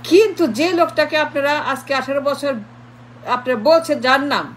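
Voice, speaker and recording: Her voice sits high and moves fairly quickly, with a faint hiss or hum present. She's a political commentator mocking her targets, stacking up repetitive insults and breaking into English phrases along the way.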